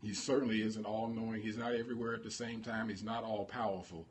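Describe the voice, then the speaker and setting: A man's voice: lowish voice, little pitch movement, quick pace, slight background noise. Impassioned male pastor preaching. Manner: impassioned, call-and-response with congregation. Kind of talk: sermon.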